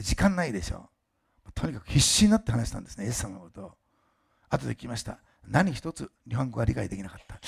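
An older man, a pastor, preaches a sermon and gives a testimony at a fast clip in a heavily gravelly, husky, mid-range voice. He makes emphatic, chatty asides, breaks off and restarts, and now and then slurs his words, something he admits has been happening lately.

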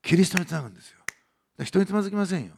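A man preaching a sermon as pastor, earnest, moving between soft hushed passages and raised emphatic lines. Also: high voice, expressive, racing, gravelly, slight background noise.

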